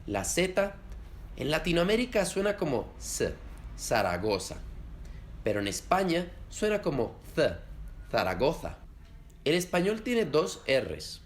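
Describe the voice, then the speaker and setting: A man teaching a beginners' lesson on Spanish pronunciation, saying example words slowly and clearly. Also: fairly high pitch. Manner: clear, slow demonstration of sounds.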